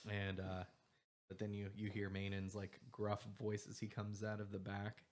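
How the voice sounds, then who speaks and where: A man's voice: on the low side, monotone, moderate pace. A man narrating a tabletop game as dungeon master in a loose style with many fillers.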